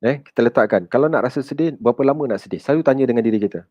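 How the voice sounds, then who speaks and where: A man's voice: medium pitch, rapid-fire, mellow, no room sound. Conversational Malaysian Malay man counseling. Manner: conversational, addresses listeners as children, mixes in English words. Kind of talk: motivational talk with audience questions.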